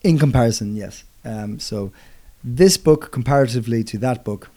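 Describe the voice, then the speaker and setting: A young man in the middle of the male pitch range chats his way through a podcast for English learners. He trips over his own words, corrects himself on the fly and laughs easily at his co-host. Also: moderate pace, mellow. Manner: rambling, self-correcting, laughs often. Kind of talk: casual chat explaining English phrases.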